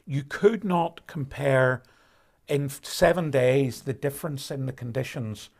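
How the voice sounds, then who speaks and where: A man commentating on a rally live stream, explaining conditions in a measured way with fillers and restarts. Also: medium pitch, vocal fry.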